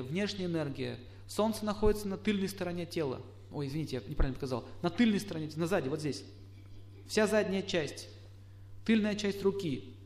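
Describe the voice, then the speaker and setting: A middle-aged man giving a lecture, putting questions to his listeners and acting out quoted spouses in lively asides. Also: sits high. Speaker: astrologer lecturer. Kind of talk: lecture to a live audience.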